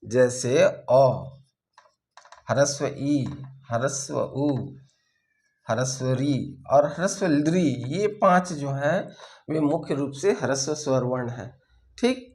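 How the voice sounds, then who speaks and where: A man teaching a lesson, slowly dictating notes, repeating phrases and checking in with his students. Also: mid-range voice, darkish tone. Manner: slow and deliberate, repeats phrases for dictation, ends points with "theek hai". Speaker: Sanskrit teacher.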